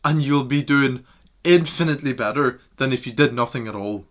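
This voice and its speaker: Young man, mid-pitched, steady earnest to-camera vlogger. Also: moderate pace. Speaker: self-improvement YouTuber. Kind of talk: reflective talking-head vlog.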